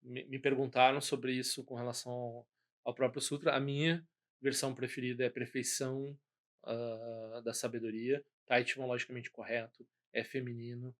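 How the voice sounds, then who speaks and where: A man's voice: medium pitch, flat delivery, moderate pace. Brazilian male Buddhist teacher, informal lesson, rambling delivery, frequent self-corrections and tag questions. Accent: Brazilian Portuguese. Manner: rambling, many restarts and "né?" tags.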